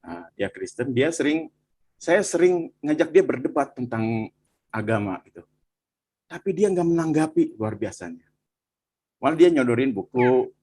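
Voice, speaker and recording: Husky man telling a personal testimony. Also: lowish voice. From Bandung, Indonesia. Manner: animated storytelling, frequent "Pak" and "gitu". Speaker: guest telling his testimony.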